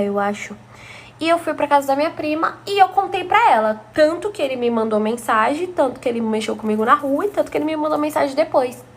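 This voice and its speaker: A young Brazilian woman tells her viewers a personal story in a chatty, gossipy storytime style. Her voice is a little high, and there's slight hiss or hum in the recording.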